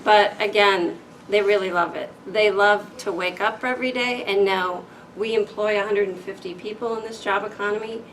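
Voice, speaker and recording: A woman's voice: medium pitch, steady tone, normal speed, fairly bright tone. A woman running a business speaks upbeat and enthusiastic in an interview. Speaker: interview guest, business owner. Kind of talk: conversational interview. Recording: distant mic with faint noise.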